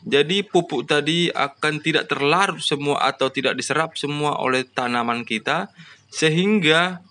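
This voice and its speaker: Man teaching farmers, slightly high voice. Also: moderate pace, pushed and bright. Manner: addresses farmers as "Bapak Ibu", frequent "ya" and "namanya" fillers. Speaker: farming channel host. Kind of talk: explanatory farming lesson.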